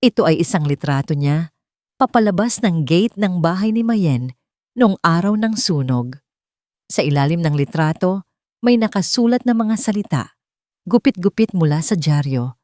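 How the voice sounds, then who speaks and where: A woman storyteller narrates scripted drama with deliberate, dramatic phrasing and lively intonation. Her voice is fairly low with a dark tone. The sound is close and dry, with no room sound.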